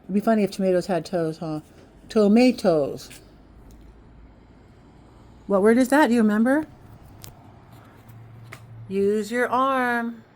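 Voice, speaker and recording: A woman teaching a children's phonics lesson, slowly sounding out letters and syllables in an encouraging way. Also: medium pitch, a little mellow. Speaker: kindergarten teacher.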